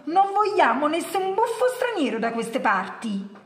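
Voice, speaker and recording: A woman's voice: high voice, expressive, moderate pace, creaky, echoey room, soft background music, voice pushed up, exaggerated voice. A woman voicing a second lazy storybook monster who brushes others off curtly. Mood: dismissive. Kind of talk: storybook read-aloud.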